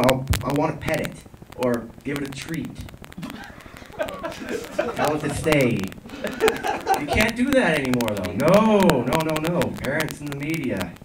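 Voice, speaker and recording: Young man, stand-up comedy, slightly high voice, noisy low-quality theater recording. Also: echoey room, recorded from a distance. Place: theater stage. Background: audience laughter and noise.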